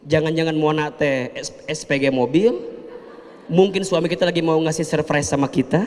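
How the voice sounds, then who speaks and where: A man with a Sundanese-tinged Indonesian accent preaching a lively sermon to women, joking and acting out little dialogues in shifting voices. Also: on the high side, normal speed, slight background noise. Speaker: ustadz preacher. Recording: reverberant hall.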